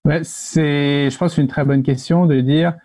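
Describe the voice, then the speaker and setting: A man's voice: on the high side, fairly even intonation, unhurried, warm tone, no room sound. A man giving an unscripted, argumentative panel answer, explaining and making short, firm assertions. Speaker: panelist, activist against planned obsolescence.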